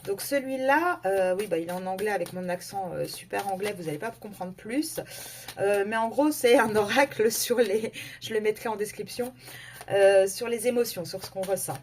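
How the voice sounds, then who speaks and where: Over slight background noise, a woman with a mid-range voice does an informal tarot and oracle card reading for her audience. Her delivery stumbles along with frequent fillers and corrections of herself.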